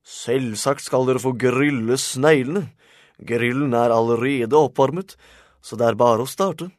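A man voicing a snobbish old man in a hat who shouts in outrage, in an audiobook. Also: mid-range voice, dry recording, clean studio sound, lightly acted. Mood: smug. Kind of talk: audiobook character voice.

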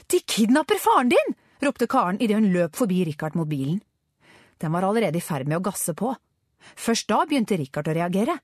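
Woman reading an audiobook, lively swings in pitch, slightly low, dry close sound. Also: dry recording. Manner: expressive storytelling. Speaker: audiobook narrator. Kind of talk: scripted narration.

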